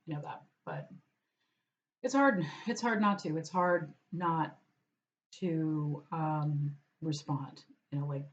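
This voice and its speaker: A woman with a slightly low voice talks in a loose, rambling way, as if chatting over lunch at home. She drifts from point to point and now and then turns aside to speak to her cat. The recording is a little dull and lo-fi. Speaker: vlogger. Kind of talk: casual chat over lunch.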